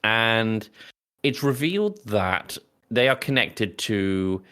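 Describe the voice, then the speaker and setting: A podcast co-host recaps a film in a casual, rambling way, frequently interrupting himself. His lowish voice is bright and forceful with a clean tone, lively intonation and a slow pace.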